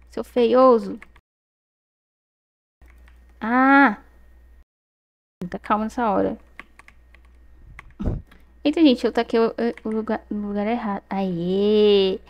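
A young Brazilian woman commenting casually on her gameplay, chatty and excitable, often exclaiming to her viewers at a desk mic. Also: mid-range voice. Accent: Brazilian Portuguese. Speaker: gaming youtuber.

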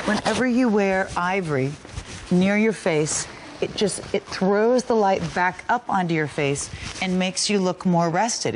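A woman's voice: mid-range voice, slight background noise. A woman home shopping host chatting live and selling in a gushing way, repeating phrases for emphasis. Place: TV shopping studio.

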